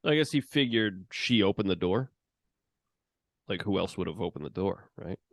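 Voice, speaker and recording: A man's voice: low-pitched, animated, gravelly, dry recording, clean studio sound. A young man co-hosting a podcast, recapping a movie in casual chat, swearing and acting out lines. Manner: crude, laughing, acts out movie lines in quick voices. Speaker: podcast co-host.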